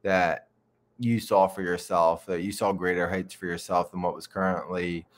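A man in his thirties with a low voice hosts an interview on a video call. He talks conversationally and a little haltingly, pausing to find his words. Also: little pitch movement. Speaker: interview host.

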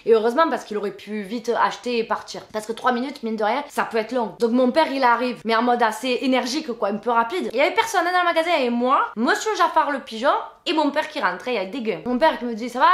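A woman's voice: a little high, quick pace, hardly any pauses. Slangy young woman, echoey. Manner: lively, slangy, swears, plays out scenes. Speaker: storyteller vlogger. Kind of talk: casual storytime vlog.

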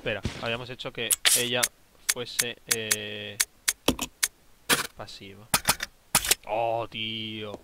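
Swearing gamer over loud noise. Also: male voice, fairly low pitch, level tone, takes it slowly, long pauses. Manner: swears constantly, grumbling to himself. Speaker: gaming channel host. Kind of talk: let's play commentary. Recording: loud background noise with clicks.

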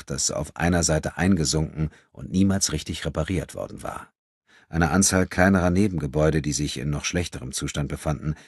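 A man with a very low, husky voice reads an audiobook in a steady, measured way. The sound is dry and close, with no room around it. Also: no room sound. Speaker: audiobook narrator. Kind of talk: scripted narration.

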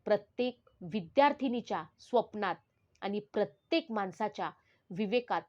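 A woman's voice: mid-range voice, lively intonation, normal speed, darkish tone, lo-fi sound. A woman narrating in the first person as the spirit of a murdered teenage schoolgirl, in a solemn, pleading manner. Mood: grieving.

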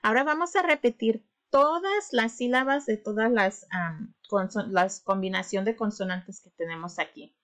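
A woman teaching children a phonics lesson, drawing out syllables slowly and coaxing them to repeat after her. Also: medium pitch.

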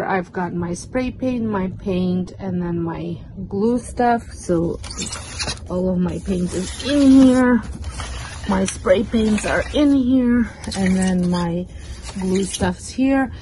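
A middle-aged woman shows off her basement craft room for her home organizing vlog, talking in a chatty, rambling way with lots of fillers and restarts. Her mid-range voice has a dark tone, and the phone-camera recording, handheld and on a stand, is rough with a little hiss or hum.

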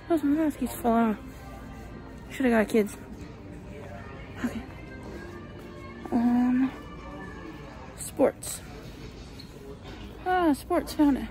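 A woman's voice: sits high, slow pace, pauses often, dark tone, faint music behind, rough recording. A woman vlogging as she walks through a large store, chatting and thinking aloud through a cloth face mask. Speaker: parent vlogging a shopping trip. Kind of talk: casual vlog narration while shopping.

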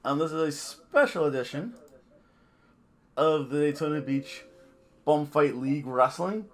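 At a webcam on his desk in a home office lined with bookshelves, a slightly hoarse man in his fifties with a fairly high pitch chats quietly and unhurriedly to the camera. He then switches to loud, excited play-by-play as he announces wrestling video game matches. The room is echoey, the mic distant, and background noise is loud.

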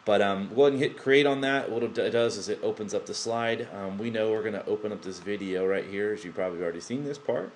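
Talking fast with barely a pause, a man with a lowish voice rambles through an unscripted screen-recording tutorial, full of fillers and restarts. He's using his laptop's built-in mic, which adds a slight hiss or hum.

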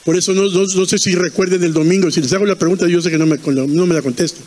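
A man's voice: sits high, fairly even intonation, fast talker, darkish tone, in a large hall. A man preaching a fervent sermon in a church, repeating lines and quizzing the congregation.

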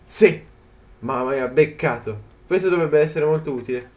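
A man's voice: fairly high pitch, normal speed, a little mellow. Chatty young-sounding man gaming. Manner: chatty, jumps to startled yelps at the game. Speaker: gaming channel host. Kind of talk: let's play commentary.

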